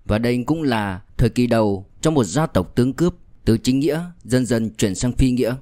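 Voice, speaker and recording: A man narrates a crime novel in a measured, storytelling voice of ordinary pitch. He reads steadily and clearly. The recording is dry and close, with no room sound. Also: lively intonation, dark tone, dry recording. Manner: measured, with fillers in asides. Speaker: audiobook narrator.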